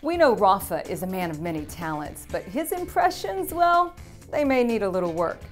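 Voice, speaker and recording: A woman's voice: mid-range voice, sing-song, normal speed, music in the background. A woman presenting a scripted sports news roundup, upbeat and polished, with light quips between items.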